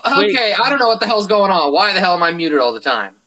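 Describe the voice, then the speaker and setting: An excitable American man in a voice chat with a high, bright, swooping voice. He talks in eager bursts and swears freely. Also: fast talker, low-quality recording. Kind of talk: casual voice chat.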